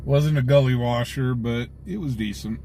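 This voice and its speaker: A middle-aged American man, an independent scanner chaser hosting a livestream, jokes with viewers in a folksy, casual way from inside a vehicle. His mellow, mid-range voice keeps a moderate pace. It's a raw live stream, with faint vehicle and ambient noise behind him.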